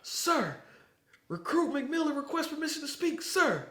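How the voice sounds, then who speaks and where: A man's voice: very high-pitched, sing-song, unhurried, fairly bright tone, echoey room, pitched above the performer's own voice, heavily acted. A man voicing a young male Marine recruit who answers formally, speaking of himself in the third person.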